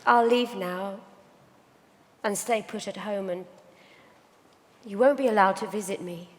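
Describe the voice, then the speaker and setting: A woman's voice: mid-range voice, measured pace, natural voice. A woman voicing an anxious elder married sister who tries to soothe and plead, in a live dramatic reading. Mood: coaxing. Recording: hall reverb.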